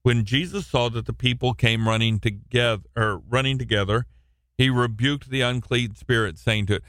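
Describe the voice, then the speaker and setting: Alone in a radio studio, a man teaches through a Bible passage in a loud, projecting voice. His delivery is halting, full of restarts and repeated words. His voice sits in the mid-range, and the recording has no echo.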